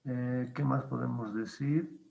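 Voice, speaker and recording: Guy teaching english, slow and patient, lots of ums, gravelly voice. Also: medium pitch, steady tone, darkish tone, roomy sound, muffled recording. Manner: patient, explains slowly with many pauses and fillers. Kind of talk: online class explanation.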